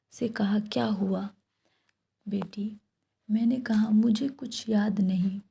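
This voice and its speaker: Woman whispering a slow horror story. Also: medium pitch, vocal fry, warm tone, slightly rough. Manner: whispers nearly throughout.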